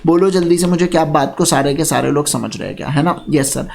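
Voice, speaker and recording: Male tutor, fairly high voice, energetic call-and-response lecturing, slight room hiss. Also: vocal fry. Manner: lively, repeats phrases, urges students to answer quickly. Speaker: online exam tutor.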